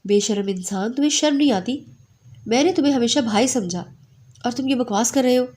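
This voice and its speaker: A woman's voice: on the high side, darkish tone, close to an everyday voice. A woman voicing a bitter, grieving young woman. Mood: furious. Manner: bitter, tired.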